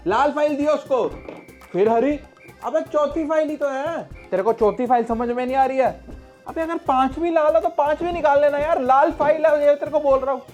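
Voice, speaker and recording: An actor playing a harried young husband and son-in-law, defensive at home and exasperated on work phone calls. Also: male voice, very high-pitched, moderate pace, darkish tone, faint music behind. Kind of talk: comedy sketch acting.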